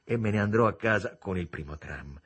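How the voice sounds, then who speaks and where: A man's voice: fairly low pitch, lively intonation, a little fast, a bit bright, slightly rough. A man voicing a proud young sailor, dazed with love, who laughs with tipsy bravado. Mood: giddy.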